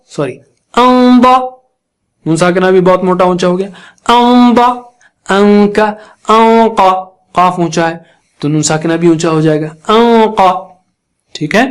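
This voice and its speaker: A man teaching Quran recitation rules in a patient, step-by-step lesson, slowly demonstrating and repeating each sound, with a Pakistani Urdu accent. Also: high voice.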